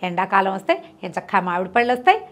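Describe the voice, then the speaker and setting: A woman voicing a gentle, meek old village grandmother who speaks softly and fondly in a storybook tale. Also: medium pitch, sing-song, quick pace, pitched below the performer's own voice, close to an everyday voice. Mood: fond, soothing. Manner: soft, affectionate and praising.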